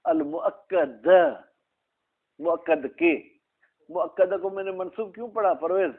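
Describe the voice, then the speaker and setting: A man teaching an Arabic grammar class, explaining slowly and quizzing his students by name. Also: sits high. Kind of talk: classroom lesson, questioning students. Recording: tinny phone-like recording.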